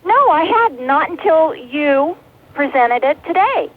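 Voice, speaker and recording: A woman's voice: high-pitched, big pitch swings, measured pace. A woman caller on a clipped car phone line, talking in an indignant, moralizing way on a call-in radio show.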